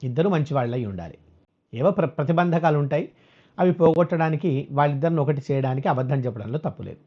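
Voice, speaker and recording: A man giving a religious discourse as a spiritual teacher, explaining scripture and slowly chanting verses, on a dull lo-fi recording. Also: on the high side.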